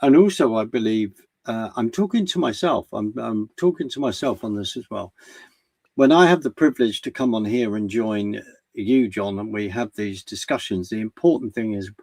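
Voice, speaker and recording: A man's voice: on the low side, a little mellow, no echo. A man giving earnest commentary in a conversation, often restarting his sentences. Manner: earnest, halting with many restarts. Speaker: guest commentator.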